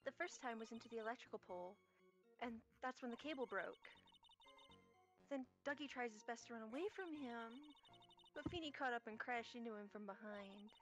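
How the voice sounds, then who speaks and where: A woman voicing a timid young woman witness who speaks softly, politely and haltingly. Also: on the high side, lively intonation, soft background music. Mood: earnest.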